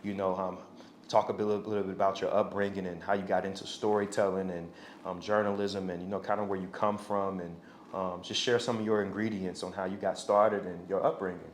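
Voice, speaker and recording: A man's voice: deep voice, little pitch movement, fairly quick, a little hiss or hum. A man hosting a community storytelling podcast, talking in a laid-back, encouraging way full of "you know.". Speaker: podcast host. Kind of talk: conversational podcast interview.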